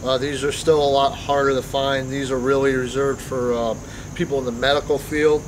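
A man's voice: mid-range voice, little pitch movement, normal speed. A middle-aged man giving an unscripted workplace safety talk outdoors in a parking lot, plain-spoken, with frequent ums and restarts. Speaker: company safety presenter. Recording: clear outdoor background noise.

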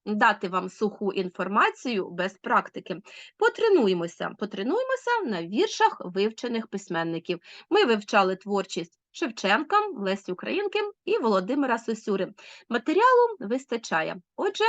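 A woman with a Ukrainian accent, a literature teacher explaining a school lesson in a lively teacherly way. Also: mid-range voice, normal speed, no echo. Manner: lively teacherly, with many diminutives. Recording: slightly dull lo-fi sound.

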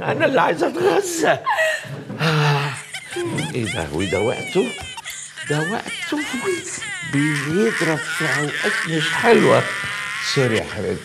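Give me a teasing Egyptian father with a gravelly voice. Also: on the high side, heavy background noise, exaggerated voice. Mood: flirting. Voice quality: playful, teasing. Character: flirtatious middle-aged father.

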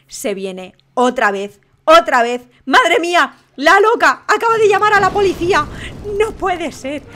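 A young woman with a Spain Spanish accent giving excitable let's-play commentary, full of exclamations. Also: very high-pitched, unhurried. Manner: excitable, frequent exclamations and laughter. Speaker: gaming YouTuber.

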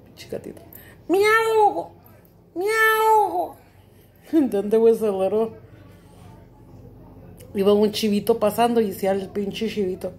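Mexican lady vlogging from home, swaps english and spanish, swears and laughs a lot, mellow tone. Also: medium pitch, level tone, normal speed, long pauses. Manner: switches freely between English and Spanish, crude slang, laughs a lot. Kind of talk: casual chat to camera.

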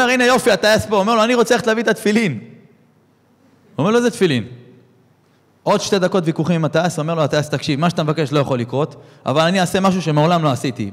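A man, a rabbi telling a story in a sermon and acting out its dialogue with lively swings in voice. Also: fairly high pitch. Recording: long hall reverb.

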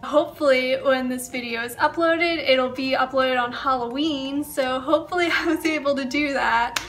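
In a home kitchen, a young adult woman with a cold gives casual baking tutorial narration for her vlog. Her voice is high and a bit bright, her speed normal, with faint music behind.

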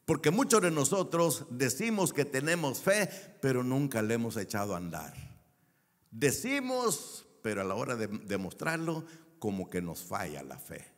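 Pastor preaching, lively and echoing. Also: male voice, mid-range voice. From El Salvador. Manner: lively, drawn-out emphasis on key words. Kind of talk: sermon with personal story.

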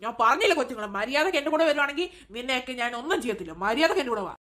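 A woman's voice: high-pitched, expressive, rapid-fire, a bit bright. A woman voicing a menacing male kidnapper in a cartoon, luring children with sweets and then threatening them. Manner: threatening, taunting, mocking laugh.

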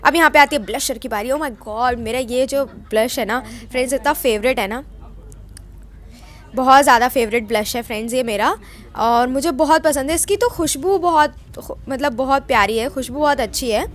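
A woman's voice: sits high, normal speed. A young woman vlogger narrating her video in a chatty, casual way, mixing in English words. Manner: chatty, mixes Hindi with English words, many fillers.

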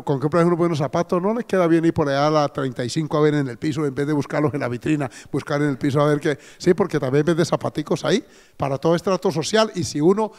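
A man's voice: fairly high pitch, long reverb tail. A man with a Colombian accent preaching a sermon as pastor. He speaks in a folksy way, puts questions to the congregation and often says "amén" and "gloria al Señor". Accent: Colombian Spanish. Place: church hall.

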